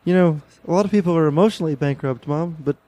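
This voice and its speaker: A man's voice: fairly high pitch, fast talker, dark tone, dry recording. A man in an improvised comedy scene, talking earnestly and rambling with many restarts.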